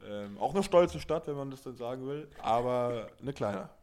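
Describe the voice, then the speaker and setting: A young man from Berlin, Germany, who co-hosts a podcast and plays rugby, talks loosely in a relaxed, chatty way, full of fillers and restarts. His voice is medium-pitched and moderately paced.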